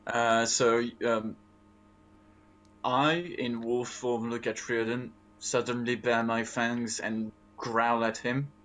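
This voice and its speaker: A man's voice: medium pitch, little pitch movement, slow pace, fairly bright tone, a little hiss or hum, poor audio. A man chatting casually as a player in a tabletop game. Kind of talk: casual chat.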